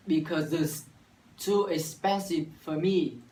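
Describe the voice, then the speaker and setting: Slow and a little mellow, his voice sitting on the high side, this late-teen Vietnamese man rehearses a scripted classroom dialogue as a university student. His English is careful and Vietnamese-accented, with occasional restarted phrases. The echoey room puts him distant from the mic, and a faint hiss lies beneath.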